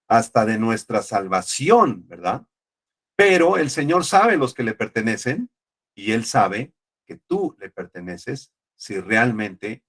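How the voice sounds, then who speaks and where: A male pastor teaching an online Bible class, often checking in with his students and explaining Greek words. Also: mid-range voice.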